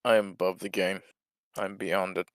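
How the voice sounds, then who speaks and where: A man's voice: low-pitched, level tone, normal speed, dry recording. A man co-hosting a podcast in casual chat, tossing out sarcastic, playful quips. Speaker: podcast co-host.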